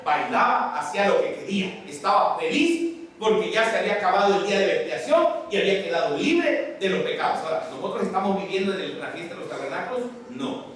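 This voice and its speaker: A man preaching in a lively, high voice that swings up and down, asking his listeners questions as he goes. He is picked up from well away from the mic in a very echoey room, with a faint hiss underneath. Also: recorded from a distance. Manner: animated, asks the congregation questions. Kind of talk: sermon.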